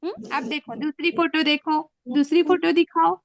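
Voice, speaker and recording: Patient classroom teacher, woman, Indian Hindi-Urdu accent, high pitch, dry recording. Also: steady tone, normal speed, no room sound. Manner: patient, repeats questions to students. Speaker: Arabic teacher. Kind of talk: classroom lesson. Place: classroom with students.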